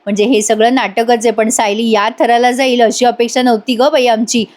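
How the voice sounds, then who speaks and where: A woman's voice: a little high, level tone, a little fast, a little mellow, close to an everyday voice. A woman voicing an indulgent middle-aged mother who speaks soothingly.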